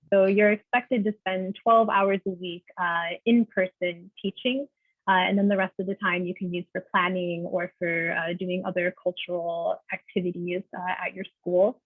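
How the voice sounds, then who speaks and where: A woman giving a friendly, informative panel presentation on a video call, often pausing with "uh". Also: medium pitch, husky, no echo. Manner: friendly, informative, uses many "uh" fillers. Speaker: panelist presenting a teaching program. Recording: dry, phone-like video call audio.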